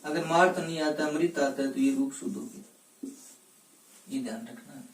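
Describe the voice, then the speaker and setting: A fairly high-voiced male teacher works through a lesson at a deliberate pace. He keeps asking the class a question and then giving the answer himself, stressing each piece of a word. He is recorded off mic in an echoey room. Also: far from the mic.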